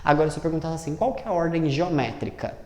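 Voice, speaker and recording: A man teaching chemistry, lively, asking and answering his own questions and spelling out each step slowly. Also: fairly high pitch. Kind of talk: classroom lesson at a board. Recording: roomy echo with long reverb.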